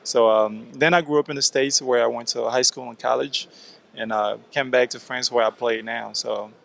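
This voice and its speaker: A young man from Ivory Coast, a basketball team captain, giving relaxed, easygoing interview answers. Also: medium pitch, moderate pace, creaky. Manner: relaxed, easygoing, repeats "I mean".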